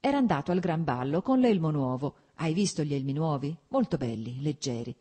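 A woman voicing a merry young male officer who tells gossip with excited exclamations. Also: low-pitched, brisk.

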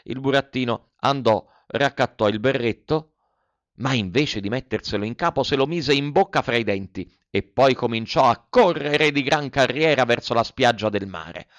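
A man's voice: medium pitch, moderate pace, no echo. A man narrating a classic tale as an audiobook, telling it expressively. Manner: expressive storytelling, voices the characters. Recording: dry, slightly dull recording.

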